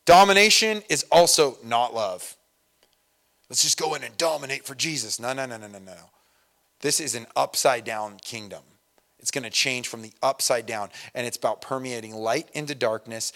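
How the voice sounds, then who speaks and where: A man preaching a sermon in a conversational way, full of asides and fillers, moving between loud emphasis and quiet storytelling. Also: mid-range voice. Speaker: pastor.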